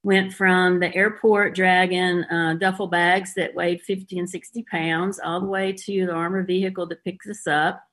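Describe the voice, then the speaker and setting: Low-voiced Southern woman recounting plainly. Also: little pitch movement, moderate pace, hardly any pauses, a bit bright. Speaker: guest, former police officer. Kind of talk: casual interview storytelling.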